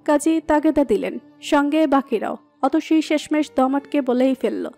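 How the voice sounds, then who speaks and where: A woman narrating a romantic audio story in a steady, expressive reading. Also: high voice, normal speed. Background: soft background music.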